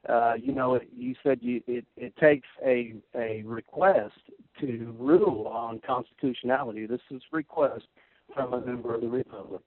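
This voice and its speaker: A man calling in with a question over a phone line, speaking in a hesitant, halting way. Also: medium pitch, expressive, gravelly, no room sound. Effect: heard over a phone line. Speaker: caller.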